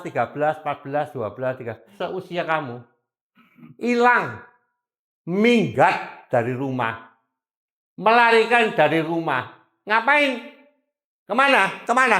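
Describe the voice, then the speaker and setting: A man's voice: a little high, pushed and bright. A man preaching a sermon to teenagers, calling out questions for the audience to answer. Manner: calls out to the audience, asks for replies. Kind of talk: lively church sermon to youth.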